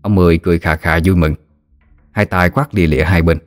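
A man with a Southern Vietnamese accent narrating a ghost story in a lively, colloquial way. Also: deep voice, fairly quick, no echo. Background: faint music.

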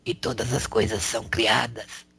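A man channeling a male spirit who preaches in a slangy, raspy whisper, tagging lines with rhetorical questions. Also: fairly low pitch, level tone, normal speed, bright, forceful tone, a little hiss or hum. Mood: preaching. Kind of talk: spiritual counsel.

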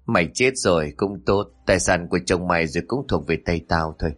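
A scheming young mistress in an audio story, gloating in quick, sneering words, as a male narrator acts her out. The voice sits low and husky. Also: fairly bright tone.

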